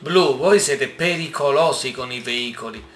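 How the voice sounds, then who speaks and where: A man giving casual gameplay commentary, excitable and exclaiming often as he talks to his viewers. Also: mid-range voice, measured pace, echoey room, a little hiss or hum. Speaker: gaming YouTuber.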